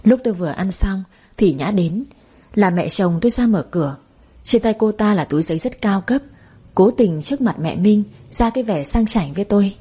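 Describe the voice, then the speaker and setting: A woman narrating a first-person story in a calm, quietly bitter way. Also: medium pitch, moderate pace, husky.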